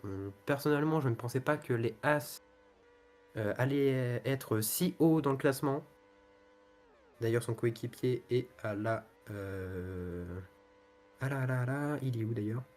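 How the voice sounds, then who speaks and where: A man with a mid-pitched voice works as a motorsport commentator. He calls the race and standings in an improvised way, pausing and hesitating as he looks for the next word. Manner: hesitant, searching for words between calls. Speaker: motorsport commentator and host of a racing league show.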